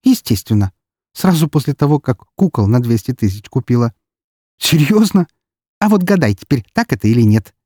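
A man reading an audiobook and voicing a sharp, dismissive young woman who teases and gets defensive. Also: medium pitch, very animated, normal speed, husky, dry recording, studio quality, pitched above the performer's own voice. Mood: teasing. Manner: scoffing, sharp and a bit defensive. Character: young woman, quick-tongued, dismissive, teasing. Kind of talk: audiobook character voice.

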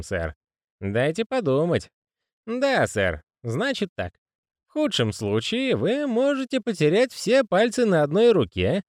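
A male reader voicing a fussy, pious old postman who speaks in a raspy, wheezy whisper and keeps saying sir. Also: sits high, dry recording, studio quality, pitched above the performer's own voice, heavily acted. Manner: deferential, says sir constantly. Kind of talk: audiobook character voicing.

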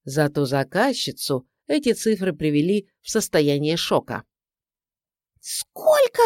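Expressive woman narrating an audiobook. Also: sits low, moderate pace, dry recording, clean studio sound. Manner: expressive storytelling.

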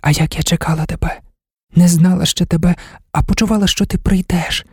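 A man's voice: high voice, steady tone, fairly quick, slightly rough, no echo, clean studio sound, voice pushed up. A man putting on a dreamy young woman in love. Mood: tender wistful. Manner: eager, breathless, tender. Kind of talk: audiobook reading.

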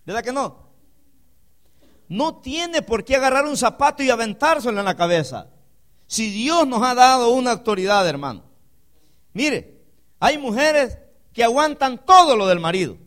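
A man preaching a sermon, calling the congregation "hermano", swinging between loud emphatic declarations and quiet, low asides. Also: expressive, normal speed, long pauses. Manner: addresses the congregation as "hermano" with call-and-response questions.

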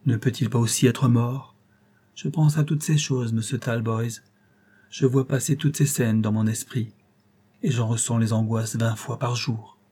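Un homme qui joue une gouvernante triste et fanée. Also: male voice, mid-range voice, fairly even intonation, mellow, breathy edge. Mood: anxious. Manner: sad, hurried pleading. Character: lonely faded woman governess, sad, anxious.

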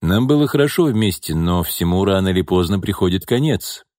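A cold, sneering wealthy man, as the male reader plays him, calm and dismissive in an audiobook. His voice sits low and dark. The sound is dry and close-miked. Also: brisk, no echo.

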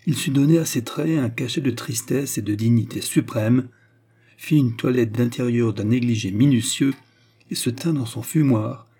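A man reading a classic novel aloud as narrator, in a measured, expressive storytelling manner. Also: medium pitch, breathy edge. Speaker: audiobook reader.

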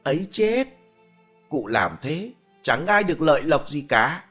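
A man's voice: fairly high pitch, big pitch swings, measured pace, fairly bright tone, soft background music, heavily acted. A man doing a cheeky, sly young peasant. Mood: mocking. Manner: mocking, sly, playful.

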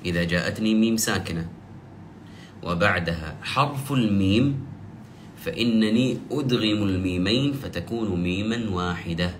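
In a tajweed lesson, a man with a voice on the low side teaches the rules of Quranic recitation step by step, slowly drawing out the example verses he recites. A little hiss or hum is audible.

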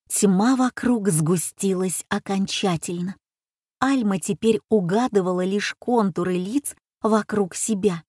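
A woman's voice: mid-range voice, darkish tone, husky, no room sound, studio quality. A woman reading an audiobook as its narrator.

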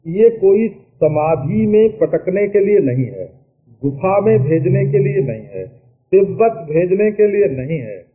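A man giving a spiritual discourse, explaining slowly with chanted verses and spoken asides. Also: sits high. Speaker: spiritual teacher. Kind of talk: Vedanta discourse. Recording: tinny lo-fi archival tape.

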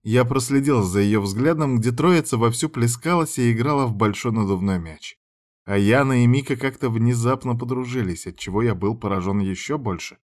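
A man reading a first-person story aloud in an even, matter-of-fact way. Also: mid-range voice, moderate pace. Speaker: audiobook narrator.

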